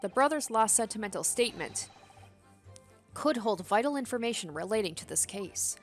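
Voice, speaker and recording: A woman's voice: fairly high pitch, lively intonation, normal speed, faint music behind, natural voice. Woman reading as an earnest young male lawyer. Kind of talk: video game character read-aloud.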